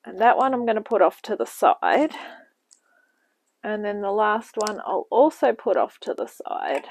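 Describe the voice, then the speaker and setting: A woman's voice: mid-range voice, sing-song, measured pace, darkish tone, slightly rough, no echo, low-quality recording. A woman hosting a home cooking demonstration, talking casually with rambling asides as she works, heard from a camera in a home kitchen. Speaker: cooking show host. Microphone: camera mic, off-screen speaker at the bench.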